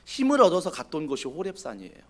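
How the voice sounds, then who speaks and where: A male pastor preaching a sermon, dramatic, swinging from loud pleading to a hushed whisper. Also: a little high, wildly swooping pitch, quick pace. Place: church sanctuary.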